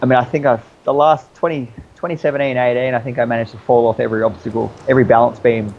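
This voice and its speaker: A man's voice: mid-range voice, flat delivery, fast talker, highs cut off, slight background noise. A man chatting casually as a guest, telling stories in an easygoing, rambling, slangy way. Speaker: interview guest, obstacle racer. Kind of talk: casual storytelling chat.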